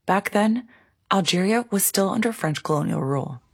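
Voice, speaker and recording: A woman's voice: medium pitch, animated, moderate pace, creaky, husky. A woman reading scripted documentary narration.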